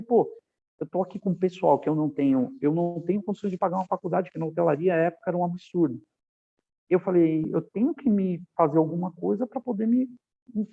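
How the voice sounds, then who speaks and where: A fairly high-pitched man with a husky, gravelly edge, from Brazil, telling stories in a lively, animated way and playing the voices of the people he quotes. The sound is narrow and thin, like a phone call. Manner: animated storyteller, acts out quoted dialogue. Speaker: podcast guest, aviation professional. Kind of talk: casual interview storytelling. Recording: tinny phone-like line.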